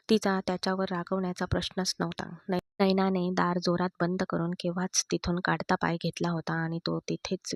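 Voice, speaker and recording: A woman narrating a written story in a steady, even reading voice. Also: fairly low pitch, no echo, studio quality.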